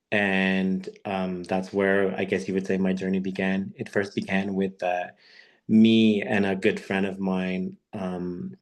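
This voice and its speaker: A man in his thirties gives a personal talk on a video call. His voice sits very low and stays quite flat. He tells his story haltingly, taking his time. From born in Peru, raised in Quebec, Canada. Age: 30s. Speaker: guest speaker. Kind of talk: personal talk on an online webinar.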